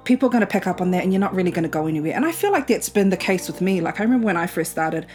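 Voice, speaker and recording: A woman's voice: on the low side, expressive, racing, a little mellow, soft background music. A woman of about twenty-nine, chatting informally as the host of a solo podcast recorded at home. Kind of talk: casual solo podcast talk.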